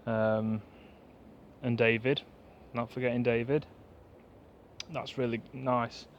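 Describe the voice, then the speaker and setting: A man chatting fast and rambling to the camera in a pine woodland, like a bushcraft vlogger. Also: mid-range voice, level tone, a little hiss or hum. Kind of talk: casual rambling chat to camera. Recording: dull lo-fi outdoor recording, faint woodland ambience.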